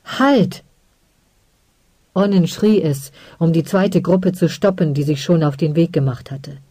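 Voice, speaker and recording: An audiobook narrator reading a story in a measured, calm way. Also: mid-range voice, husky, no echo. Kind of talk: scripted narration.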